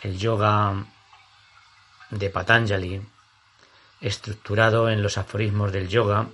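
A male yoga teacher with an accent from Spain leads a guided class. His voice is on the low side and his pace is very slow. He sounds soothing and deliberate, leaving space between short phrases. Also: level tone, fairly bright tone.

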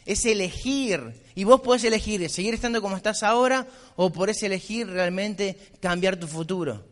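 A man's voice: high voice, normal speed. A middle-aged man with a Rioplatense Argentine accent giving an emphatic, insistent motivational business talk in a large convention hall. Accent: Rioplatense Argentine Spanish. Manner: emphatic, insistent, repeats points. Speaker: motivational speaker.

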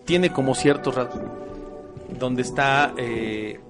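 A man's voice: mid-range voice, slow pace, creaky, over music. A man, hosting a casual chat and telling a story animatedly, with frequent restarts. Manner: animated, many restarts and fillers.

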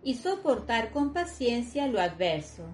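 Slow-speaking woman reciting morning prayer. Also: a little high, sing-song. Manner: solemn, measured recitation. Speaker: prayer co-leader giving responses. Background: soft music.

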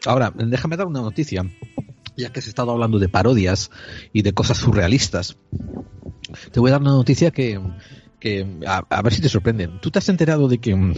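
A man co-hosting a casual Spanish podcast chat, telling stories in a lively way and laughing often. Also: medium pitch, husky. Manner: animated storyteller, laughs often. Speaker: podcast co-host. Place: abroad, at a Galician club in Astoria. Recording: dull lo-fi audio with faint music.

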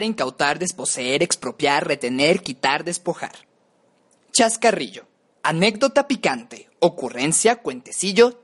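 A woman from Mexico, a radio announcing student, reading synonym lists aloud and shifting her tone from word to word. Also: lowish voice. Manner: slow, deliberate, shifting tone word by word.

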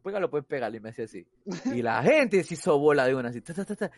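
A man telling a story in casual group chat, animated, often repeating himself and laughing between phrases. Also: on the high side, rapid-fire.

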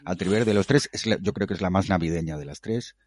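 A man talking casually about a film in a playful, lively way and acting out lines as he goes. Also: low voice, fast talker, dry recording. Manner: playful, lively, acts out quotes. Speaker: film commentator.

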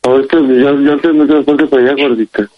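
A Mexican man on a phone call, speaking to calm his sister and promising to handle things himself. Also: medium pitch, fast. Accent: Mexican Spanish. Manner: calm at first, then swearing and threatening. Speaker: prank call victim.

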